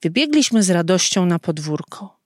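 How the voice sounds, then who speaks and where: A woman reading a story aloud slowly and expressively, giving the characters' lines their own voices. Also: fairly low pitch, big pitch swings, a little mellow, dry recording, clean studio sound. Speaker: narrator.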